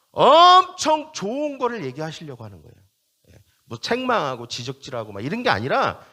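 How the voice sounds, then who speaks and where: A male pastor delivering a sermon in a high, lively voice that swings widely up and down. He hammers key phrases again and again and keeps turning to the congregation with questions.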